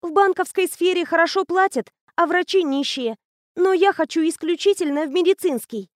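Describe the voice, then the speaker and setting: A woman voicing an excitable fifteen-year-old girl who gushes about medicine in a rapid, eager chatter. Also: very high voice, dry recording, studio quality, pitched above the performer's own voice. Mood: tattling. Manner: rapid, gushing, breathless enthusiasm.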